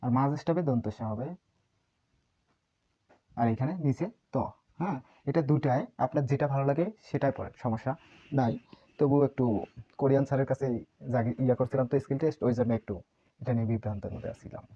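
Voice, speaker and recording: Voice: medium pitch, fast talker, long pauses, dull audio. A teacher gives an online language lesson, patiently repeating each sound many times as a drill.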